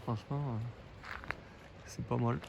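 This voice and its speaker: A man's voice: mid-range voice, fairly even intonation, slow pace, vocal fry. A man chatting casually as an interviewer, asking informal questions. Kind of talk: casual chat. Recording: very noisy, vehicle and outdoor ambience.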